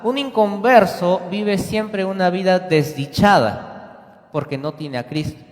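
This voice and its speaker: A man with a slightly high voice preaches a sermon in a reverberant church sanctuary. He questions the congregation directly and acts out short quoted exchanges. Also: takes it slowly. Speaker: lay preacher. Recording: echoey church hall.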